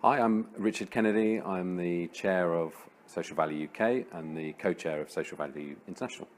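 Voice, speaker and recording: A man, chair of a social value network, giving an interview answer, halting with many ums and repeated words. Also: low-pitched.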